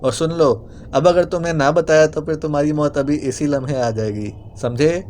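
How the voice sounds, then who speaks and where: A man's voice: a little high, steady tone, darkish tone, a little hiss or hum, natural voice. A man voicing an exasperated, hot-tempered young woman agent who scolds sharply.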